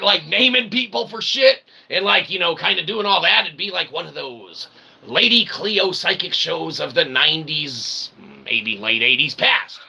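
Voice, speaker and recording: High-pitched and husky with vocal fry, this man's bright, forceful voice hosts an improvised livestream. He rambles at viewers in wordy, mock-formal roundabout phrases, frequently ending sentences with "okay" or "right," and throws in theatrical playful asides.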